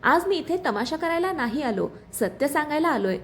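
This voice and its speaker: A woman voicing a calm, determined young ex-lover who speaks in a quiet, firm way. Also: sits high, normal speed, slight background noise.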